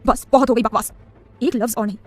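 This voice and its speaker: A woman's voice: mid-range voice, fairly even intonation, very fast, darkish tone, pitched below the performer's own voice, lightly acted. A woman voicing a stern, angry young man who speaks coldly and gives orders. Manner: cold, harsh, commanding.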